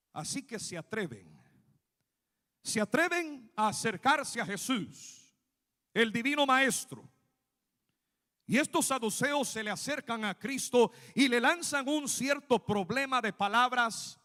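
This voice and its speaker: A man from Guatemala preaches from the pulpit in an animated, direct way, calling his listeners brother. His voice sits high for a man, and long reverb trails after it in the church hall. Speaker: pastor. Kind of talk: sermon. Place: church sanctuary.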